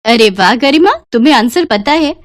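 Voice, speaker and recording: A woman's voice: a little high, lively intonation, moderate pace, no room sound, lightly acted. A woman voicing a kind, encouraging female biology teacher in a cartoon. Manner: encouraging, warm to pupils. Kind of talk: cartoon voice acting.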